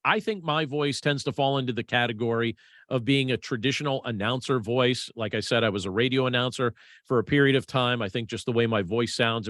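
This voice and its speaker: A man talking through practical voiceover tips in a conversational, measured way. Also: medium pitch, fairly bright tone, dry recording, clean studio sound. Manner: conversational, measured, with fillers and restarts. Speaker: voiceover instructor. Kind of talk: casual instructional talk.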